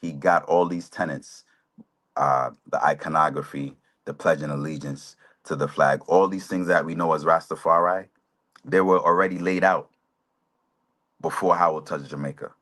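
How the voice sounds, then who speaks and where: Man in his forties, very low voice, earnest, lecturing, live talk show. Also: steady tone, moderate pace, a bit bright. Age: 40s. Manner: earnest, lecturing, asks listeners "right?" often. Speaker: guest speaker, chaplain.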